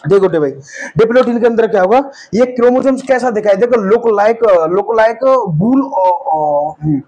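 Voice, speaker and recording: A man's voice: sits high, darkish tone, poor audio. A man teaching a lesson in casual lecture style, repeating key terms back as quiz questions and correcting his own slips along the way. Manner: slow drawn-out terms, sudden speedups.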